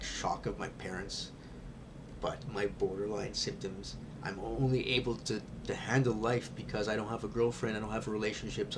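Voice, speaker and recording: A man talking in a rambling confessional vlog, often restarting his sentences and swinging between quiet muttering and loud excitement. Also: lowish voice, background noise. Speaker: vlogger.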